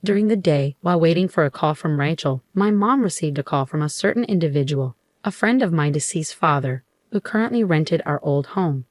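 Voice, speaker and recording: Low-voiced woman narrating a story. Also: expressive, brisk, hardly any pauses, no echo, studio quality. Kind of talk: scripted first-person story narration.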